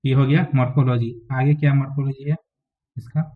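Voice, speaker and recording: A man's voice: medium pitch, little pitch movement, brisk. A man teaching a biology lesson, explaining diagrams step by step and often checking that his students follow. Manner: explains step by step, often checks with "ठीक है" and "समझ में आ गया?". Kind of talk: classroom lecture explaining diagrams. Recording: tinny phone-like lo-fi recording.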